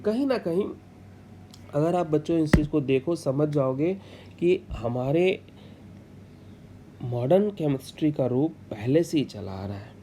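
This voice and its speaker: A male teacher lectures at a slow, deliberate pace and stretches out the definitions. His voice is warm and mellow, with a faint hiss of noise behind it. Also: fairly high pitch. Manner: mixes Hindi and English, slows down for English definitions; encouraging, addresses students as children. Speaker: chemistry teacher. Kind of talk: classroom lecture.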